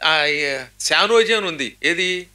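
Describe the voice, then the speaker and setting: Bright, high-voiced man giving a spiritual discourse. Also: animated, slow pace. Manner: explains by chanting Sanskrit verses then glossing them; humorous asides mimicking pronunciation. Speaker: religious speaker.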